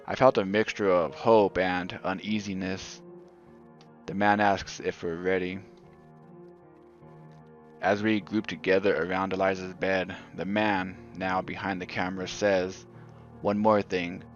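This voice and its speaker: A man narrating a scripted horror story in a slow, subdued and even manner. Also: sits low. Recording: dull lo-fi audio, faint music.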